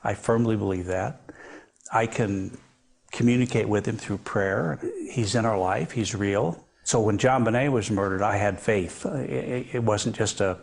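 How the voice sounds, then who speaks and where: Gravelly-voiced older man, measured. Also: fairly low pitch. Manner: measured, hesitant with frequent fillers. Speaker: interview guest. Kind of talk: reflective TV interview.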